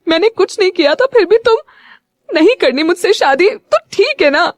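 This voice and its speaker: A woman's voice: high voice, lively intonation, measured pace, no echo. A woman voicing an emotional, pouting young woman in an audio story. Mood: tearful.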